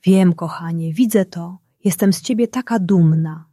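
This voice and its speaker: A woman voicing a loving, patient mother who speaks calmly and softly. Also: lowish voice, normal speed, no echo, studio quality, close to an everyday voice. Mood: gentle. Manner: calm, soft-spoken.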